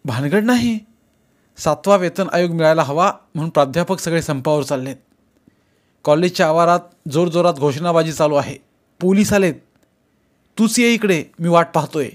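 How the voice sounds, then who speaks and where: A man's voice: fairly high pitch, normal speed, pauses often, voice pushed up, close to an everyday voice. A man reading a story aloud, voicing a harried college principal who pleads he cannot leave his post. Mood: exasperated. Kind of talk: audiobook character reading.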